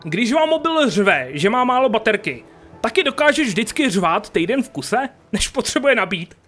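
A man's voice: very high voice, very animated, pushed and bright. A man giving casual, joking commentary while playing a video game, chatting to the audience and swearing at enemies. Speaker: gaming youtuber. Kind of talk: casual let's play commentary.

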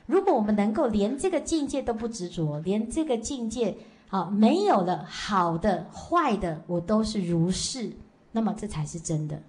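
A woman Buddhist teacher gives a dharma lecture to a class, telling stories and capping her sentences with short fillers like "好" and "哦." Her medium-pitched voice is very animated and a little mellow, and she closes by leading a slow, measured chant.

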